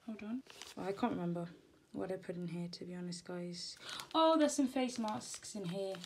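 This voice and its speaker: A woman's voice: mid-range voice, moderate pace, low-quality recording. A woman vlogger chatting casually as she packs a birthday gift box at home, rambling and correcting herself, recorded on a camera on a tripod. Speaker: crafting vlogger. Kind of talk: casual chat while packing a gift box. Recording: clear background noise and handling clicks.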